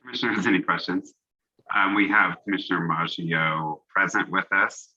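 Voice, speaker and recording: A man's voice: low-pitched, steady tone, moderate pace, sharp tone, husky. A man politely chairing a public commission meeting over a video call. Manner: polite, procedural. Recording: dull lo-fi call audio.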